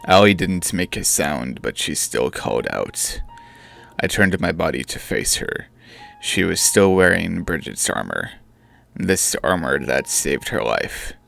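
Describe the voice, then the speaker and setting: A man's voice: low-pitched, big pitch swings, unhurried, gravelly, fairly bright tone. A man narrating his own first-person story as an audiobook, in a subdued, mournful reading. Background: faint guitar music.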